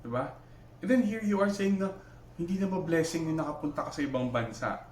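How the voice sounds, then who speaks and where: A man with a Filipino accent, his voice a little high, quick and mellow, delivers heated reaction commentary as a vlogger responding to another creator. He argues in Taglish, flipping between Tagalog and English, throwing out rhetorical questions and often restarting his sentences. The recording is reverberant, with a slight hiss or hum.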